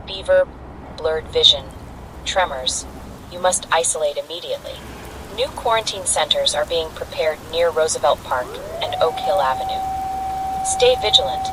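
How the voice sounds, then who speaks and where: A woman's voice: sits low, very animated, normal speed, noisy background. An actress playing a grave, authoritative woman urgently warning survivors in a post-apocalyptic radio broadcast. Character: commanding female captain or scientist warning survivors by radio.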